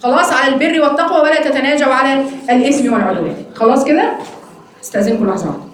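A woman with an Egyptian accent teaching an interactive Quran study lesson, quizzing her students in a quick, teasing way. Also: sits high, heavy reverb. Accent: Egyptian Arabic.

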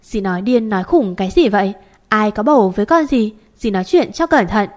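A woman voicing a fierce young daughter-in-law shouting in anger. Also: mid-range voice, animated, brisk, lightly acted. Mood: angry. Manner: sharp, shouting.

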